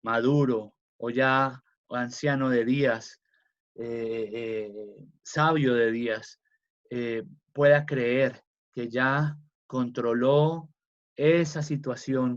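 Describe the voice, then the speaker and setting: A man teaching a religious class in a slow, emphatic way, with fillers and restarts. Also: medium pitch, steady tone. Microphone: video class recording. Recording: dull lo-fi sound.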